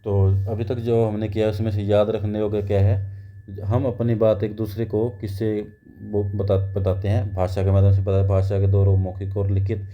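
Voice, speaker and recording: A man's voice: lowish voice, flat delivery, moderate pace. A man giving a grammar lecture, explaining step by step and asking and answering his own questions. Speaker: teacher. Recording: dull lo-fi recording.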